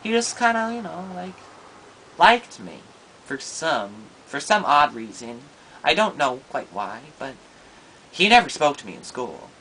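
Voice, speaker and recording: A man's voice: on the high side, sing-song, unhurried, bright, forceful tone, slight background noise, exaggerated voice, low-quality recording. Man playing a shy, friendless schoolboy. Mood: sheepish. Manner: hesitant and rambling, many ums and restarts. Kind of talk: improvised comedy monologue.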